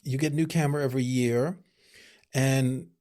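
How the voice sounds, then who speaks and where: A man co-hosting a podcast in casual chat, thoughtful with dry sarcasm, often pausing to rephrase. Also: medium pitch, steady tone, dark tone. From living in Europe. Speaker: podcast co-host.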